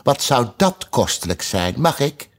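A man voicing a gentle, cooing queen reciting a rhyme in a storybook. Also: medium pitch, very animated, unhurried. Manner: soft, cooing.

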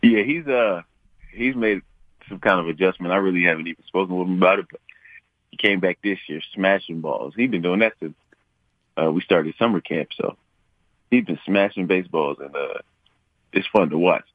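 A young man, a pro ballplayer, interviewed on the radio, talking in a relaxed, rambling way with many fillers. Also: low-pitched, normal speed, pauses often, no room sound. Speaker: pro baseball player interviewee. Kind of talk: casual interview. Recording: tinny phone line.

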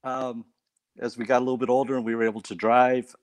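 A man from Canada, a guest on a faith talk show, telling stories about his life in a relaxed way with light laughs. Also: medium pitch, quick pace, no echo. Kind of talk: casual testimony interview.

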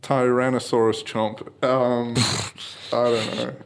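A man's voice: mid-range voice, flat delivery, slow pace, gravelly. A man, co-hosting a comedy podcast in a casual joking chat. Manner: joking, acts out silly voices, laughs often. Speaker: podcast co-host.

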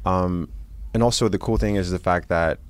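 A man in his thirties, a makeup artist, chatting casually on a podcast and telling animated stories. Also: low-pitched, normal speed, clean tone. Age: 30s. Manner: animated storyteller, asks to be honest.

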